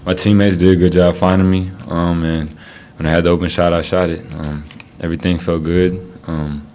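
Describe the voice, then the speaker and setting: A young man, a college basketball player, answering postgame press questions in a low-key way with lots of fillers, seated at a table mic in a press room. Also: level tone, fairly quick, a little mellow, slight background noise. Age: young adult.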